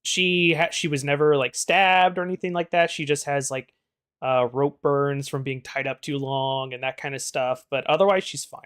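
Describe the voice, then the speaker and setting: A man running a tabletop game, narrating casually and conversationally as game master, pausing mid-sentence. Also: on the high side, fairly even intonation, a bit bright, clear, resonant tone.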